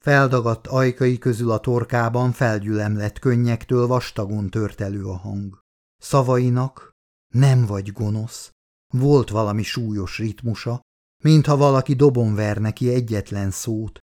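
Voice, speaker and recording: A man narrating a novel as an audiobook in a measured, subdued reading. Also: mid-range voice, steady tone, a little mellow. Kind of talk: scripted narration.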